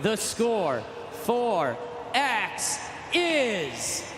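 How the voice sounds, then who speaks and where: Hyped, high-pitched male stadium commentator. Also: huge pitch swings, extremely slow. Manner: hyped, shouting, emphatic. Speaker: event commentator announcer. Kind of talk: excited live play-by-play sports commentary. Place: large stadium event. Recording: echoey stadium PA, loud engine noise.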